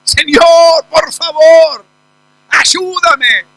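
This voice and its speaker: A frantic mother crying out for help, as a male preacher acts her out. Shrill and very high, with a bright, piercing edge. She shouts urgently and begs over and over. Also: wildly swooping pitch, slow pace, no echo, heavily acted, rough recording. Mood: desperate pleading.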